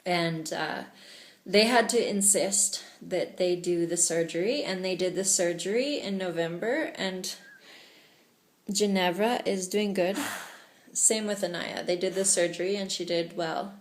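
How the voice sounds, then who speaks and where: A woman's voice: lowish voice, unhurried. Chatty woman in an echoey room. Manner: earnest, chatty, laughs often. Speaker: vlogger. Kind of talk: casual video diary.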